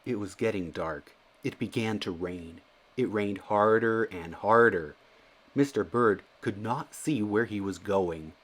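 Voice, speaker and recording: A man with a fairly low voice narrates a children's storybook aloud, reading in an expressive, deliberate storytelling style.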